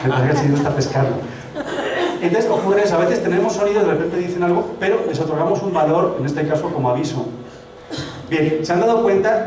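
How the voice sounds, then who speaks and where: A man delivering a conversational academic lecture, his slightly high, mellow voice set back from the mic. The hall around him is very reverberant, and faint noise hangs under his speech. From Spain. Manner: conversational, explains with rhetorical questions. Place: municipal hall. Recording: very echoey hall, mic far off.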